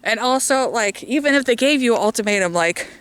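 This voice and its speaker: A woman's voice: fairly high pitch, animated, fairly quick, clear, resonant tone, dry recording. A woman vlogger ranting while walking outdoors, slightly out of breath, with lots of filler words. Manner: ranting, chatty, many "like" fillers. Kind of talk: walking vlog rant. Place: outdoors on a walk.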